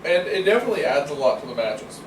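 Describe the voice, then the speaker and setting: A man's voice: on the high side, big pitch swings, quick pace. A man co-hosting a casual wrestling podcast, making dry joking asides. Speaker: podcast co-host. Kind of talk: casual wrestling review chat. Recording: roomy, distant mic, noisy background.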